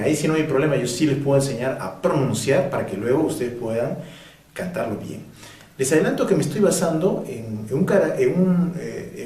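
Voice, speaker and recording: A man teaching French pronunciation to Spanish speakers, drilling words slowly and carefully and now and then breaking into a bit of off-key singing. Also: medium pitch, warm tone, reverberant, distant mic.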